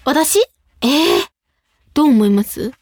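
Her high voice moves at a slow, unhurried pace as this young radio host from Saitama, Japan, shares listener mail with bubbly giggles and lively storytelling. The studio mic delivers clean, studio-quality audio with no room sound.

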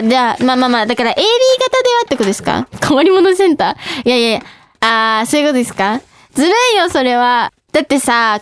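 A young woman hosts a casual radio show, reading out listener letters and chatting between them. Her voice sits high, and she talks in an animated, bubbly way, often dissolving into giggles. The sound is dry, with no room echo. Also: smooth.

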